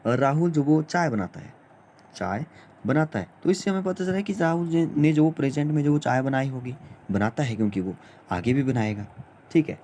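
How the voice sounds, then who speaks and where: A man gives a grammar lesson in a dark, mellow voice, talking informally and circling back over the same phrases. He pauses often on fillers as he explains. Faint noise hums behind him. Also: medium pitch, animated. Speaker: teacher.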